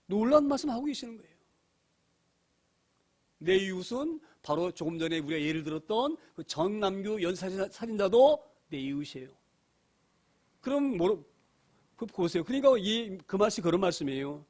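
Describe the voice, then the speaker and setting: High-voiced Korean pastor preaching emphatically. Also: male voice, very animated, normal speed, long pauses, a little mellow. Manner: emphatic preaching, repeats phrases, rhetorical questions, frequent hallelujahs. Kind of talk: sermon. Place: church sanctuary.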